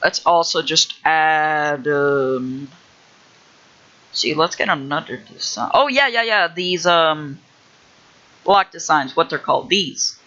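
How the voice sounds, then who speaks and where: A man's voice: on the high side, takes it slowly, sharp tone, highs cut off. A young man livestreaming as he builds a game level, rambling casually with lots of fillers and restarts. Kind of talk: casual thinking-aloud livestream.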